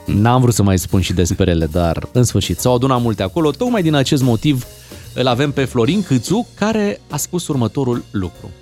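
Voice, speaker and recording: A man's voice: mid-range voice, big pitch swings, a little mellow. A male host with a mid-range voice that rises and falls a lot, introducing clips in a casual studio conversation. Faint music plays behind him.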